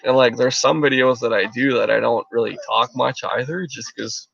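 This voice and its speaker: Inside a tent, a channel host whose first language is French rambles casually to his stream viewers, full of fillers and restarts. His medium-pitched voice is creaky and fairly bright, with fairly even intonation and a moderate pace, captured in lo-fi sound.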